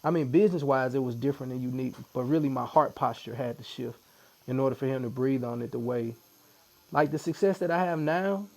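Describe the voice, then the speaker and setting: Getting tattooed at a tattoo studio, a podcast guest from Missouri in his forties keeps up a brisk, medium-pitched flow of casual talk. He's relaxed and full of jokes, laughing frequently.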